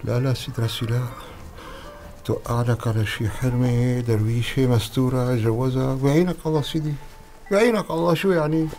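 A man's voice: mid-range voice, fairly even intonation, a little fast, a little mellow, natural voice. An actor playing a stingy, scheming Damascene man who wheedles and whines, with a Damascene Arabic accent. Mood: frightened muttering. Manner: wheedling, whining, muttering prayers in fright. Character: stingy scheming middle-aged Damascene man Abu Najib. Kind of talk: Syrian TV comedy drama. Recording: TV drama audio with music behind.

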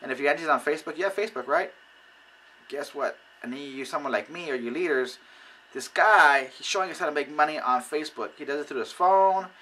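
A man giving casual how-to advice on recruiting people, animated and acting out conversations. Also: fairly high pitch, fairly quick, slight background noise, poor audio. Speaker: network marketing recruiter. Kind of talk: casual how-to video talk.

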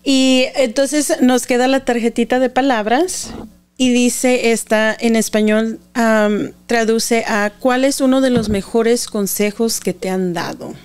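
A woman hosting a podcast, asking unhurried, friendly questions in casual conversation. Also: a little high, steady tone, a little mellow, clean tone. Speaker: podcast host. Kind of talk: conversational interview.

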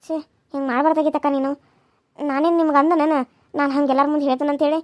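A woman voicing a gentle young village woman in a cartoon serial, speaking in a North Karnataka accent with a soft, coaxing manner. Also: high voice, level tone, racing, no echo, muffled recording, close to an everyday voice. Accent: North Karnataka Kannada.

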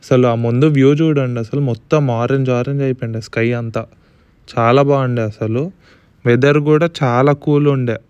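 A man's voice: mid-range voice, fairly even intonation, brisk, darkish tone, smooth, dry recording, muffled recording. A man narrating his motorcycle travel vlog in a casual, chatty way, with parts recorded afterwards as voice-over. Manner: chatty, often starts sentences with "so". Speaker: motorcycle vlogger.

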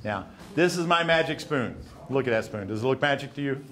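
A man's voice: mid-range voice, expressive, a little fast, fairly bright tone. A middle-aged man presenting a hands-on show for children with the playful, teasing patter of a kids' party magician. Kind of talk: hands-on children's science demonstration. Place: wooden classroom cabin, indoors.

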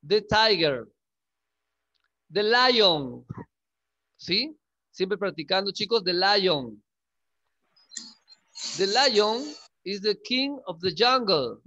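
Giving a bilingual explanation in an online English class, a man with a high, sharp voice checks in with students often, saying "¿sí?" and chuckling frequently. The sound is lo-fi.

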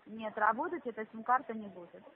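A woman's voice: fairly high pitch, animated, brisk. A woman working as a call centre operator, speaking in a formal, instructive customer service voice on a support call. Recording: tinny narrow-band phone line.

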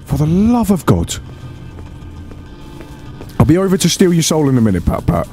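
A man's voice: a little high, huge pitch swings, normal speed, warm tone, soft background music. A man giving casual gameplay commentary, swearing freely and talking to the game's characters in bursts of exasperation. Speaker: let's play host.

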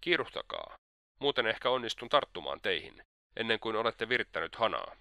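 A man's voice: lowish voice, big pitch swings, creaky, bright, forceful tone, no room sound, clean studio sound, full character voice. Man doing a taunting, mocking seducer. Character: scheming sensual man, mocking and persistent.

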